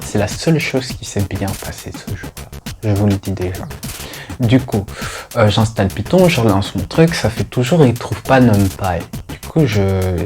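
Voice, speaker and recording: Young male vlogger, chatty and self-mocking, rambling with fillers, soft music under him. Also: fairly low pitch. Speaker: youtuber. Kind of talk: casual vlog chat. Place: indoors at home. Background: faint background music.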